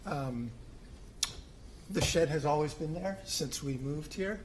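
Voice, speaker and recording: A middle-aged man, a homeowner applicant, presents his own plans to a city commission in a city hall meeting room. His voice is a little high and slow, and his informal, hesitant talk is full of ums and restarts. The recording is rough, with slight background noise.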